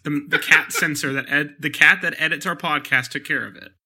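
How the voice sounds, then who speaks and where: A man in his thirties, co-hosting a podcast, trading deadpan jokes in casual chat. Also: a little high, fairly quick, breathy edge. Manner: jokey, deadpan one-liners. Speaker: podcast co-host.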